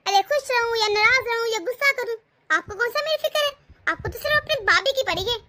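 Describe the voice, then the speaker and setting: A woman voicing a jealous, sharp-tongued young wife who complains indignantly in a cartoon story. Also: very high voice, a little hiss or hum. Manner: complaining, indignant, quick to snap.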